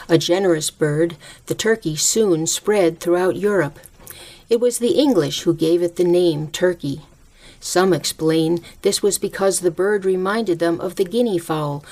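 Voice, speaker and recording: A woman with a slightly low voice presents a scripted nature essay. She reads in a measured, reflective way with careful enunciation, much like a nature documentary narrator. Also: darkish tone. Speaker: host of a short spoken-essay program.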